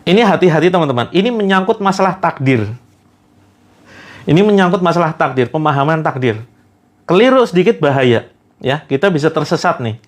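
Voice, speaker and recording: A man preaching, telling a story in an animated way with frequent tag questions to listeners. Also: on the high side, fairly quick, long pauses. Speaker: Islamic preacher. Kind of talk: sermon storytelling.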